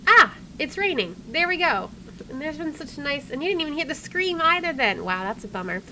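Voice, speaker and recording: This gaming video host has a high, sing-song voice that moves fairly quickly and sounds pushed and bright, though the audio quality is poor. Chatty and playful, she comments on a casual game playthrough and reads aloud with wry asides, at home indoors with an air conditioner clearly humming behind her.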